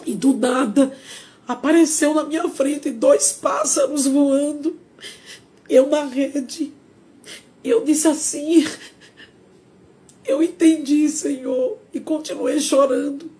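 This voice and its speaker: A woman's voice: high-pitched, fairly even intonation, takes it slowly, mellow. Tearful Sergipe woman on a live stream. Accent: Sergipe Brazilian Portuguese. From Sergipe, Brazil. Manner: tearful, confessional, pleading. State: crying. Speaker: singer. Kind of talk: emotional live stream monologue. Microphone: phone.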